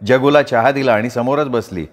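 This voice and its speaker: A man narrating an audiobook in a measured, descriptive storytelling manner. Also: medium pitch.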